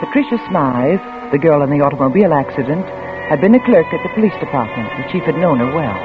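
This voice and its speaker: An actress voices an anxious, stubborn young woman investigator in a 1940s radio thriller, narrating tensely in the first person with a dramatic delivery that stammers when she's rattled. Her low voice is animated and quick, heard on a tinny old radio recording with music.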